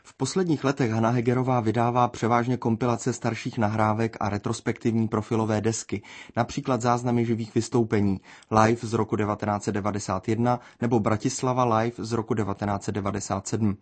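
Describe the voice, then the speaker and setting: Slightly low-voiced guy reading a radio piece, calm and scripted. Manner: measured, read from a script. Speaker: radio reporter. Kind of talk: read radio narration and questions.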